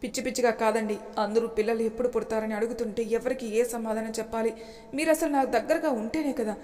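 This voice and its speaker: A woman voicing a gentle young wife who speaks emotionally and pleads with her husband. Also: fairly high pitch, flat delivery, quick pace, lightly acted. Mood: hurt. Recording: long hall reverb.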